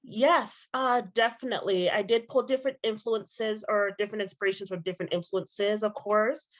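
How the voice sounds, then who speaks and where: A woman's voice: mid-range voice, fairly even intonation, moderate pace. A young woman from Spain, a native Spanish speaker, answering interview questions in a chatty way with many fillers. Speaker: interview guest, actress and author. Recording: dull lo-fi audio.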